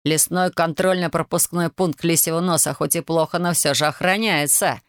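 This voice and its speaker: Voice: mid-range voice, steady tone, normal speed, fairly bright tone, dry recording, studio quality, close to an everyday voice. A reader voicing a scheming, wounded male soldier who urges and presses in an audiobook. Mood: pressing. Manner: insistent, urgent persuading. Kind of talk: audiobook character voice.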